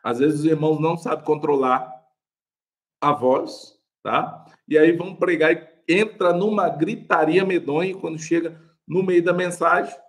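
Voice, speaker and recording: Animated and chatty, a young adult pastor with a Brazilian Portuguese accent teaches a live online preaching class. His voice is a little high and his speed normal. He laughs often, calling his viewers "gente".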